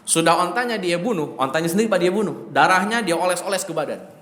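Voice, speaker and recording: High-voiced preacher in echoey mosque. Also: male voice, fast. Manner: lively, joking, addresses listeners as Pak. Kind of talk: sermon storytelling. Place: mosque hall.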